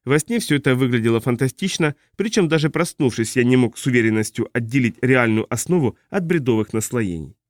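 A man narrating a science fiction audiobook in the first person, at a measured, calm pace. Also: medium pitch, no room sound, clean studio sound.

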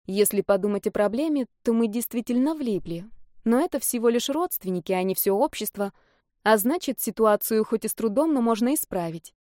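A woman narrating a first-person fantasy novel in a steady, measured way. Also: medium pitch, dry recording, studio quality. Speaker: audiobook narrator.

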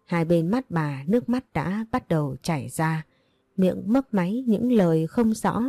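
A woman narrating a story in a steady scripted reading, voicing every part in a mostly even voice. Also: lowish voice, a little slow, breathy edge, no room sound.

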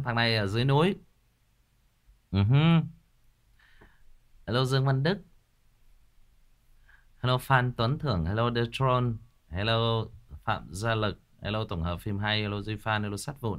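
A man hosts a late-night ghost-story livestream, greeting viewers one by one in a relaxed, chatty way. He jokes and teases freely, and his voice sits at an ordinary middle pitch. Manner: joking, teasing banter. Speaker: livestream host reading ghost stories.

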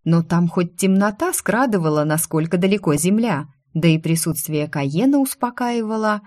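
A woman narrating a first-person fantasy story in a lively, wry, expressive way. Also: lowish voice, moderate pace, no room sound, clean studio sound. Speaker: audiobook narrator.

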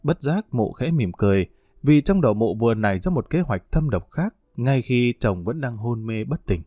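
A man narrating an audiobook story in an expressive storytelling manner. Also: mid-range voice, moderate pace, no room sound, clean studio sound.

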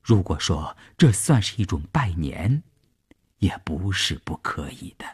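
A man narrating a radio serial in a measured, expressive storytelling manner. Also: low-pitched, breathy edge.

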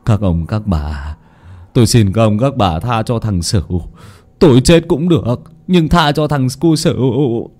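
A man voicing a doomed old man who pleads and wails slowly. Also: medium pitch, animated, a little mellow. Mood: pleading. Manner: slow wailing pleas.

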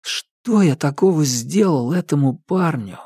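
A man's voice: on the high side, lively intonation, measured pace, dark tone, breathy edge, no echo, pitched above the performer's own voice, heavily acted. Guy doing a scared confused young dude, hesitant, dry close sound. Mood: bewildered. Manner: hesitant and unsettled. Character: frightened, bewildered young man.

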